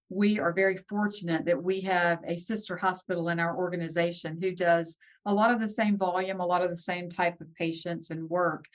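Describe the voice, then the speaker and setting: A woman guest in a podcast interview, speaking earnestly with frequent ums and restarts. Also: lowish voice. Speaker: guest, nursing executive.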